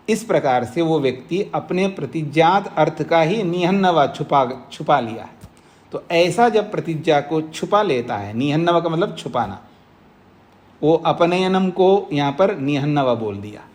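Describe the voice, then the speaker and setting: Middle-aged swami lecturing students, fairly high-pitched man, repeats points and checks that the class follows. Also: expressive, darkish tone. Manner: explains slowly with repetition and questions to the class; acts out both sides of a debate in raised tones. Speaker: swami teaching philosophy. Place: ashram classroom.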